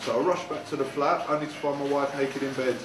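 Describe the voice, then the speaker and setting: Fast-talking man telling a pub joke. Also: mid-range voice, steady tone. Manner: brisk, acts out pub characters. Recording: echoey room with crowd.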